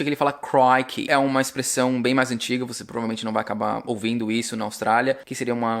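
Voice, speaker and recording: A man with a Brazilian Portuguese accent vlogs casually while teaching English, slowly repeating sample words to explain them. His voice is mid-range and a bit bright.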